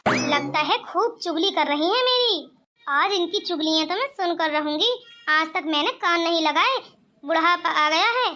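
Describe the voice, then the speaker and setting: A woman's voice: very high voice, animated, moderate pace, bright, forceful tone, full character voice. Woman voicing an older bossy mother-in-law. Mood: scheming. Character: older mother-in-law, sharp-tongued turned kind. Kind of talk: cartoon voice acting.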